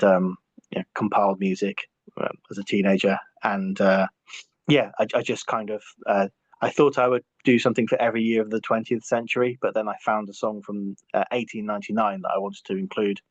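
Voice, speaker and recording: Speaking in a lowish voice, this middle-aged English interview guest falters frequently, restarting sentences and repeating words. It's a casual conversation, recorded muffled and lo-fi with no echo.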